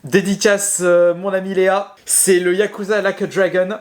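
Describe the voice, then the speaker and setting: A man's voice: high voice, level tone, moderate pace. A man casually showing his video game collection to his viewers, chatty and hesitant, with many fillers, restarts and self-mocking laughs. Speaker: gaming video creator. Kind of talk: casual talk to camera.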